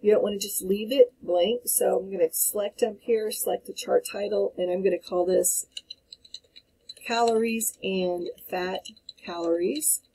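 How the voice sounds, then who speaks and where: Woman instructor, mellow and slightly husky, calm step-by-step tutorial delivery at a desk mic. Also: medium pitch, unhurried, low-quality recording. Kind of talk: screen-recorded software tutorial.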